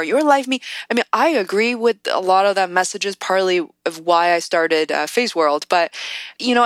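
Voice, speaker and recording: A woman host runs a podcast interview, effusive and rambling, with a slightly low voice. Her sound is dry and close, with no room around it. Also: fairly bright tone, clean tone, no echo. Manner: effusive, rambling, lots of fillers.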